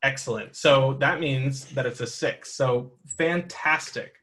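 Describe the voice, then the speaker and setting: A man's voice: mid-range voice, unhurried, a bit bright. A man running a tabletop role-playing game for children, explaining the rules patiently and encouraging the players. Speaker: game master.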